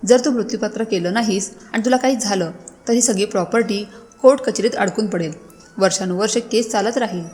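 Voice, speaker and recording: A woman's voice: mid-range voice, brisk, darkish tone, lightly acted. Woman reading as a greedy, pushy son. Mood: pressuring. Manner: pressuring, wheedling, flaring into anger. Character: greedy grown man, a pushy scheming son. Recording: long hall reverb.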